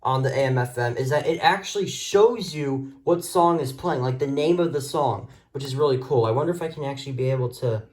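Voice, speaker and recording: A man with a medium-pitched, darkish voice talks fairly quickly with few pauses. Filming on a handheld phone, he shows gadgets from his radio collection in a hesitant, rambling, casual way.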